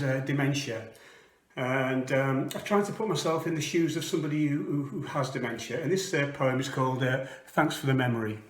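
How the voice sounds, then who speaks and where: Older male poet, distant and echoey. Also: mid-range voice. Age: older, around 60. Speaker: performance poet. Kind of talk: spoken word poetry recital with casual introductions. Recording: roomy echo, distant microphone.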